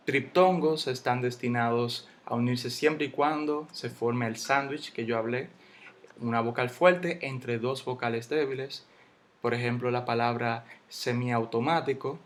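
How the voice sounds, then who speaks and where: A man teaching a Spanish spelling lesson, slowly spelling out syllables and letters. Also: medium pitch.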